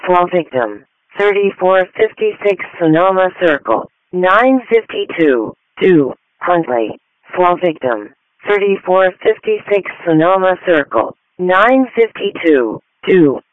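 A man announces emergency calls item by item in a clipped manner. His pitch is high and his delivery measured, through a dry, phone-like radio channel. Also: very animated, dry recording. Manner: clipped, itemized reading. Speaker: emergency dispatcher. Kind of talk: repeated dispatch announcement. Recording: thin, phone-like radio broadcast.

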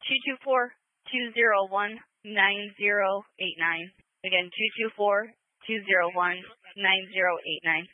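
A woman working as a police dispatcher, giving calls in brisk, clipped radio codes over a police radio channel. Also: medium pitch, dry recording. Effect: police radio transmission. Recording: dry tinny radio channel.

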